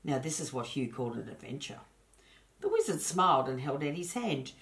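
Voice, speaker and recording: A low-voiced woman hosts and narrates a children's bedtime story, telling it expressively and chatting with her young listeners. She speaks fairly quickly.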